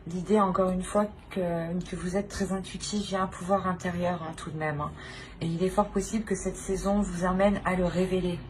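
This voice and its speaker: A lowish, darkish voice with fairly even intonation and a slightly fast pace carries this unscripted tarot reading, under a little hiss or hum. The channel host sounds unsure, feeling for words and going back to rephrase and repeat.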